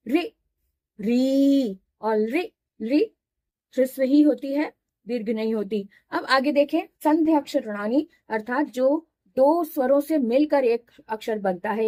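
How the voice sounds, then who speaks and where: A woman teacher walks through a grammar lesson at an unhurried pace. She pauses to sound out each syllable slowly and clearly. Her voice sits slightly high but stays soft and mellow. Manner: patient, slow syllable-by-syllable demonstration. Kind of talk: Sanskrit grammar lesson explained in Hindi.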